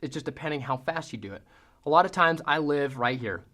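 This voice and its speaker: A man's voice: on the high side, lively intonation, a little fast, sharp tone. A man giving a casual how-to lesson as a hunting-call instructor, talking in a folksy way. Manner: folksy, mimics sounds with vocal demonstrations.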